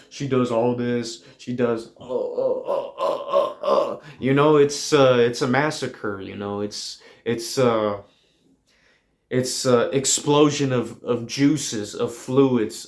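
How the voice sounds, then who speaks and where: A man hosting a podcast, telling a rambling comedic monologue in a deadpan way with lots of fillers. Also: medium pitch, takes it slowly. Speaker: podcast host.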